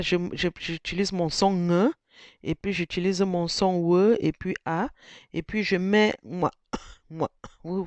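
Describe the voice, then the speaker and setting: Slow, halting tutorial voice. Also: medium pitch, darkish tone, smooth, dry recording, muffled recording. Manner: halting, thinking aloud with many restarts; sounds out vowel tones slowly. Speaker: tutorial presenter. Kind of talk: step-by-step phone tutorial.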